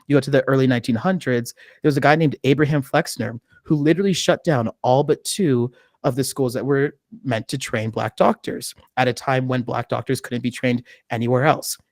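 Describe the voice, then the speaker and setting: A man's voice: mid-range voice, creaky, no echo, clean studio sound. Earnest young man on a video call. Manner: earnest and explanatory, laughs often. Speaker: medical student guest. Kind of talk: casual interview by video call. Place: small indoor room. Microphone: studio mic with headphones on video call.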